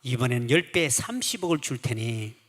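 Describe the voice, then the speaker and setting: A man voicing God as a solemn, commanding figure, speaking slowly and gravely in a long-reverb church hall. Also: mid-range voice, sing-song, fairly bright tone, pitched below the performer's own voice.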